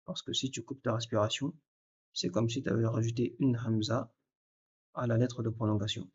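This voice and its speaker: A man's voice: mid-range voice, fairly even intonation, moderate pace, husky. A man teaching a recorded lesson, explaining step by step and addressing the listener directly, repeating sounds aloud to demonstrate them. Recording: dull lo-fi recording.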